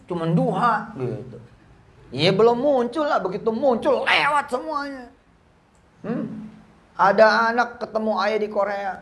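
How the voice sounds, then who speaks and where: A man preaching a lively, joking sermon at a boarding school gathering, telling stories in casual speech. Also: measured pace. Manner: jokey, acts out quoted voices with big pitch jumps.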